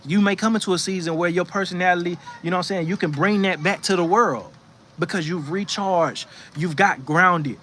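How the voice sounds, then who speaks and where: Sitting in a rocking chair out on his porch, this man runs a faith livestream where he reads the chat and gives laid-back spiritual encouragement. His voice is high and fairly bright, moving fairly quickly, and there's a little hiss or hum on the recording. He talks in a chatty, preachy way, often restarting and tossing in "you know what I'm saying."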